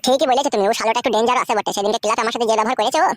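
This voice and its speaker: A woman's voice: fairly high pitch, fairly even intonation, racing, dry recording, voice pushed down, close to an everyday voice. A woman voicing a young village man in a comic cartoon, muttering his boastful plans to run off with a girl. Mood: scheming. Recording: noisy homemade recording.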